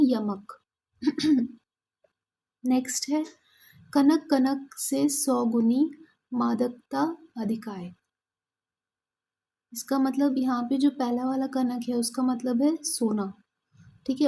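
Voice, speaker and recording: A woman teaching an exam-prep lesson, explaining terms and reading verse examples aloud with pauses. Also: a little high, mellow, slightly rough, poor audio.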